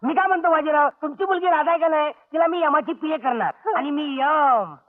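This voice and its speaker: A cheeky young village prankster, teasing and laughing quickly. His voice sits very high and bright, and the old film soundtrack is thin and tinny like a phone line. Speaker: village playwright and joker. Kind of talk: 1980s film comedy acting.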